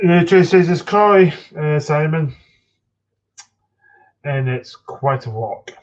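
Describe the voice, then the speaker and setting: Slow-talking Scottish man on a lo-fi stream. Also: on the high side, animated. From Scotland. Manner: halting, with frequent ums and restarts. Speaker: live streamer answering chat. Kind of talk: casual live-stream chat. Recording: dull lo-fi stream audio.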